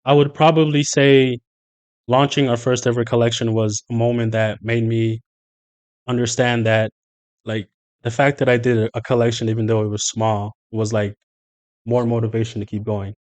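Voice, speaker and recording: Man, podcast guest, casual, earnest, thinks out loud, middle pitch. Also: level tone, moderate pace. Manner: thoughtful, earnest, with frequent fillers and exclamations.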